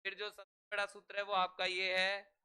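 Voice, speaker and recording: A man's voice: high voice, completely flat delivery, normal speed, pushed and bright, smooth. A male teacher lecturing a classroom, drilling students with repeated questions and having them repeat after him.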